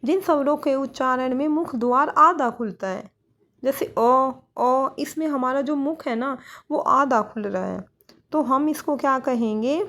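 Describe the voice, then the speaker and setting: A woman's voice: sits high, moderate pace, fairly bright tone. A woman teaching a grammar lesson for exam students, posing questions and answering them herself, with English words mixed in. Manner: mixes English words into Hindi.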